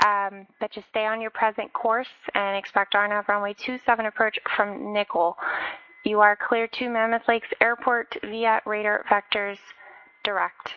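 A woman's voice: medium pitch, level tone, moderate pace. A woman working as an air traffic controller, giving matter-of-fact procedural instructions over radio. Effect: radio transmission. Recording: dull band-limited radio audio.

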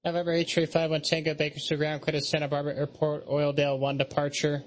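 Flat-toned male air traffic controller. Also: a little high, quick pace. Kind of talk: procedural air traffic control radio calls.

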